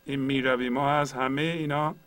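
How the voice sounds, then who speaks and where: A man's voice: medium pitch, fairly even intonation, a bit bright, no room sound, low-quality recording. A man teaching a computer tutorial, patiently explaining each step one at a time. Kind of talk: screen-share tutorial.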